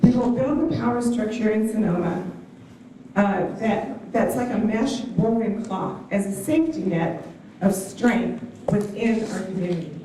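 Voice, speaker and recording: On a big hall's stage, a woman at the town hall podium gives a soft-spoken, earnest, rousing speech at a measured pace in a mid-range voice. A far-off stand mic records the echoey room, with a little hiss or hum.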